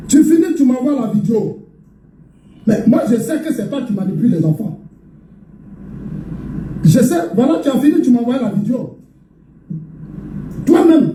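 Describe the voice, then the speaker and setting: A man in a recorded video, angrily accusing someone, shouting and scornful. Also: very high-pitched. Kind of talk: angry recorded video statement. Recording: echoey, far from mic, faint noise.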